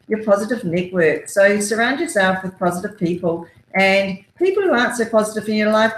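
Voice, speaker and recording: A woman, an author giving upbeat, encouraging self-help advice with many fillers. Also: mid-range voice. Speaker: author and guest. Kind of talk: motivational self-help talk. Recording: roomy echo.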